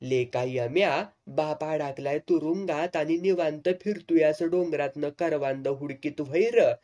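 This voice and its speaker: A man's voice: fairly high pitch, a little slow, dark tone, close to an everyday voice. A man voicing an older rustic village man who teases and scolds his young companion in earthy country speech. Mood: scolding, teasing.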